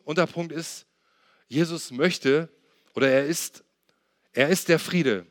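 A man's voice: mid-range voice, no echo, clean studio sound. A man preaching a sermon, earnestly asking the listener questions and retelling a Bible story in his own words. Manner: acts out the Bible figures' words in plain retelling.

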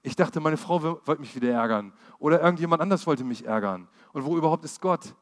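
A middle-aged man preaching a sermon in a conversational way, talking straight to the listener and swinging between loud emphasis and quiet, low asides. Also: lively intonation, fast. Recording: long reverb of a large hall.

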